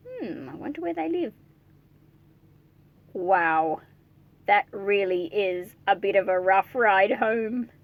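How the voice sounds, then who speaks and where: A woman reads a children's picture book aloud in a playful, expressive way, talking straight to her young listeners with chatty asides. Her pitch is medium, and there's no room sound.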